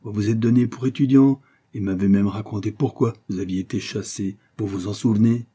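A man's voice: on the low side, steady tone, brisk, dark tone, husky. A man voicing an indignant lawyer who scolds a beggar sharply. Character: indignant male lawyer, stern, moralizing.

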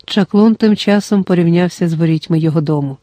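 An audiobook reader giving steady, scripted narration of a fantasy story. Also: medium pitch, quick pace, no room sound.

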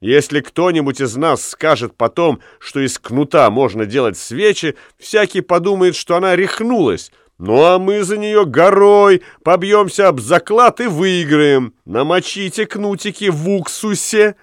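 A bawdy gang of young women taunts with brash, teasing glee, as a male reader puts them on. The voice sits well above a man's usual pitch, close and dry. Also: animated, unhurried, few pauses, no room sound.

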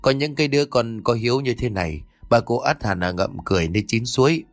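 A man's voice: medium pitch, fast, no echo, close to an everyday voice. A man voicing a reassuring older village neighbor consoling a young man. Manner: calm, reassuring.

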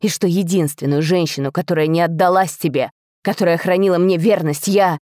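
A woman voicing a furious, betrayed young dragon prince who shouts raw, bitter accusations at his father. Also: on the low side, steady tone, a little fast, no room sound, clean studio sound, natural voice.

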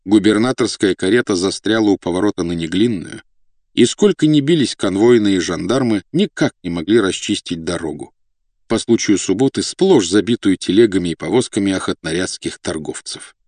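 Male audiobook narrator, low-pitched, dry studio sound, measured delivery. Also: lively intonation, a little mellow, dry recording. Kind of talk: scripted narration.

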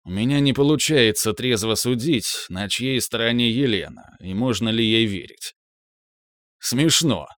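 A man voicing a troubled older male security officer who speaks in a muffled, halting way. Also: medium pitch, lively intonation, fairly bright tone, no room sound.

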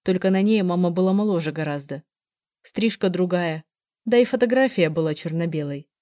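A woman reading a first-person story as an audiobook narrator in a measured, even way. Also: lowish voice, no echo, studio quality.

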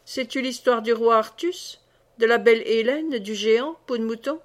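A woman's voice: on the high side, moderate pace, close to an everyday voice. A woman voicing a boisterous, wounded old monk who blusters and boasts as he tells tales in an audiobook reading. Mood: blustering.

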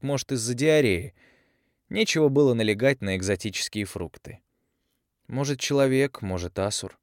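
A man narrates an audiobook with measured, expressive storytelling. His voice sits low and the recording is dry and close, with no room sound. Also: no room sound. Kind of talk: scripted narration.

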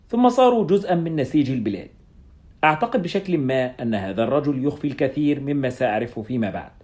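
A man's voice: a little high, a little mellow. A man reading a first-person story aloud in a scripted audiobook narration.

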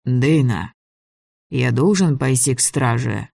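An audiobook reader voicing a calm, kindly grown man who talks slowly and gently. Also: medium pitch, vocal fry, no echo, studio quality, heavily acted.

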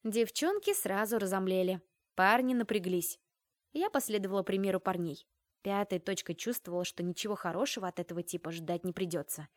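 A woman narrates a first-person fantasy audiobook in a wry, conversational tone. Her voice sits at an ordinary middle pitch. The recording is dry and close to the mic. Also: lively intonation, fairly quick, no echo.

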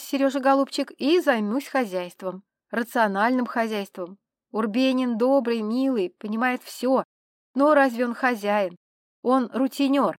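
A woman voicing a tipsy, chattering male count who rambles excitedly and pleads with his friends. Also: fairly high pitch, dry recording, clean studio sound, lightly acted.

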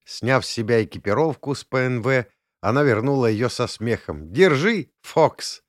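A man narrates an audiobook from a script, telling the story expressively in a mid-range voice at a moderate pace. The recording is studio quality with no room sound.

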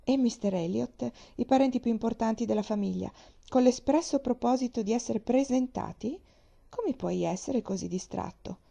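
A fretful young wife bursts out in high, urgent exclamations and keeps pressing her point, as a woman reading a novel aloud puts her on. Under the raised pitch the voice stays dark and mellow, with a gravelly edge. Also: lively intonation, normal speed. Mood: indignant. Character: fretful excitable young wife, shrill and insistent.

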